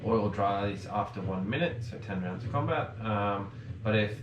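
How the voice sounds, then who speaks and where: A man's voice: on the low side, expressive, moderate pace, muffled recording. A man, playing a tabletop game and reading out rules with frequent hesitations. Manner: hesitant, lots of ums, reads rules aloud. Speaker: player. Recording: echoey room with noise.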